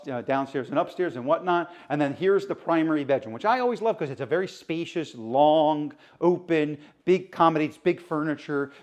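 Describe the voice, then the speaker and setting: A male real estate agent gives a walk-through home tour in a fairly high voice. He gushes enthusiastically in salesman fashion, pitching as he goes. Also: a little mellow. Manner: gushing, enthusiastic salesman talk. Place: indoors, walking through a house.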